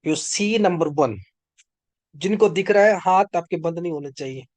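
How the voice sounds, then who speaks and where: A man's voice: high-pitched, unhurried, darkish tone, no room sound. A man preaching and prophesying over a video call, fervent and commanding, breaking into bursts of speaking in tongues as he leads prayer. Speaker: preacher leading an online prayer session. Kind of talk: charismatic sermon with prophecy and prayer.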